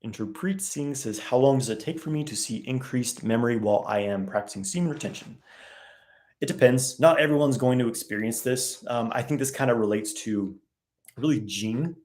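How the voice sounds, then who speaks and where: A man hosting a casual live Q&A, reading viewer questions aloud and answering in a relaxed, rambling way. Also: mid-range voice, brisk. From West.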